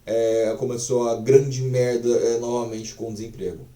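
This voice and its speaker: A man's voice: mid-range voice, flat delivery, moderate pace, dark tone, echoey room, recorded from a distance. A man teaching a casual online language lesson, chatty and profane, full of fillers.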